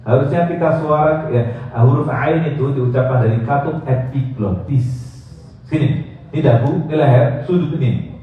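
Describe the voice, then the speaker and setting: A man teaching a tajwid lesson, chanting verses slowly and explaining with light jokes, recorded in a mosque hall. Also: medium pitch. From Indonesia. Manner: slow drawn-out chanting of verses between quick joking explanations. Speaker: Quran recitation teacher. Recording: echoey hall, distant, phone-like sound.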